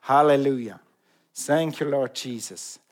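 The preacher is a middle-aged man from Switzerland with a Swiss German accent, calling out to the congregation in an animated sermon. His pitch is medium and his delivery unhurried.

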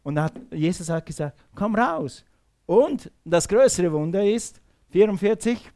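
A man preaching a sermon, shifting between quiet talk and loud calls. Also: high voice, lively intonation, moderate pace.

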